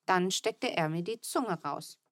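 A woman's voice: lowish voice, slow pace, no echo. Woman reading a children's story, dry close sound. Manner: lively, expressive storytelling. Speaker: audiobook narrator. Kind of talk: first-person children's audiobook reading.

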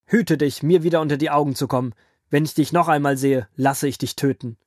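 A man voicing an angry, proud Egyptian king who gives loud orders and shouts threats in a children's Bible audio drama. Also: on the high side, expressive, moderate pace, dry recording, clean studio sound.

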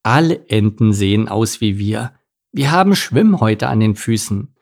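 A man voicing a caring father duck who talks to his ducklings slowly and patiently in a storybook reading. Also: on the low side. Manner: calm, slow and reassuring.

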